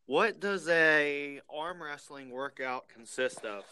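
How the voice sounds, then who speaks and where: A man's voice: fairly high pitch, slow pace, pushed and bright, clean tone, no room sound. A man hosting an interview podcast, asking curious questions with short friendly replies. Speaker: podcast host. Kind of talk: casual interview.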